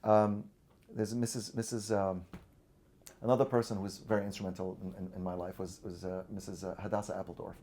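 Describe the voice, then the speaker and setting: A Syrian man who speaks Arabic as his first language earnestly tells personal stories as a podcast guest, frequently restarting and repeating words. His voice is low and fairly monotone, a little fast and slightly mellow.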